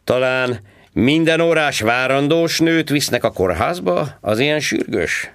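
A man voicing a loud, sharp-tongued traffic cop who barks sarcastic questions in a high-pitched voice. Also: expressive, no room sound, clean studio sound.

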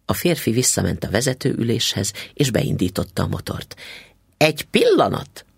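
A man reading a short story aloud as narrator, expressive and dramatic. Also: lowish voice, vocal fry, husky, dry recording, studio quality. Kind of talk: audiobook narration.

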